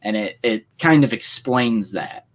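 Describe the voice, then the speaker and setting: A man with a mid-range voice co-hosts a casual livestream at a measured pace. He's the co-host, talking enthusiastically as a fan in long, rambling runs stuffed with fillers.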